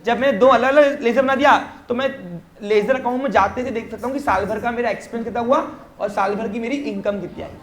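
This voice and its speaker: A man's voice: very high-pitched, fast talker, hardly any pauses, slight background noise. A man teaching a commerce class in a classroom, explaining step by step and often quizzing his students with short check questions. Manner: mixes English terms into Hindi explanation. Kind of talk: classroom lecture. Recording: roomy classroom echo.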